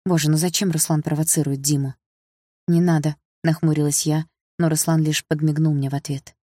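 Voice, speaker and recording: Brief: female first-person audiobook narrator, low pitch, dry sound. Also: level tone, brisk, dark tone, no room sound.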